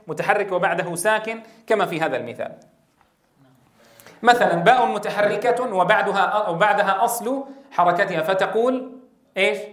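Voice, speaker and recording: Sheikh teaching tajweed, roomy echo. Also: male voice, high-pitched. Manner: explains calmly, then slowly drawls out example sounds. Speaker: Quran recitation teacher. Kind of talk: tajweed lesson with spoken pronunciation demos.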